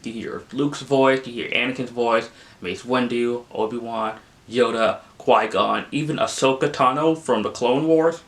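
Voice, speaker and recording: A man's voice: medium pitch, fairly even intonation, a little slow, a bit bright. Rambling young man reviewing a film. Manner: rambling, exasperated, frequent "like" fillers. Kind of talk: casual spoken movie review.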